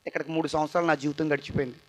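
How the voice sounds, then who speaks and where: A young man with a high voice gives an emotional church testimony. He sounds tired but earnest, rising to loud bursts and dropping to quiet asides as he preaches. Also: little pitch movement, rapid-fire. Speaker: testimony speaker at a church youth meeting.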